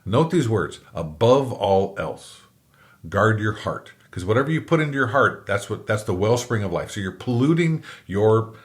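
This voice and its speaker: Middle-aged male comedian guest, lowish voice, candid self-deprecating storyteller who acts out dialogue. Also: sing-song, moderate pace.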